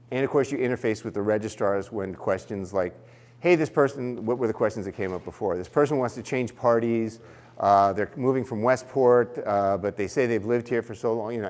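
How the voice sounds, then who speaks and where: A man's voice: lowish voice, darkish tone. A man giving a casual, explanatory training talk for poll workers, with fillers and restarts. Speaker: election trainer.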